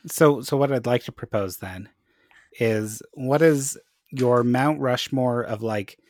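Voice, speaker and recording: A man's voice: medium pitch, slow, darkish tone, no echo. A man hosting a casual podcast chat, playful and jokey as he steers the topics. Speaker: podcast host.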